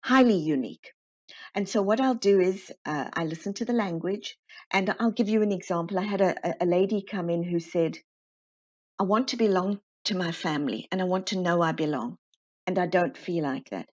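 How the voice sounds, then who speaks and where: A woman guest in an interview, explaining her work in a lively way and acting out the dialogue she quotes. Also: on the low side, normal speed. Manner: animated, acts out quoted dialogue. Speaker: guest, constellation facilitator. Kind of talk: conversational interview storytelling. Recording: slightly dull, muffled audio.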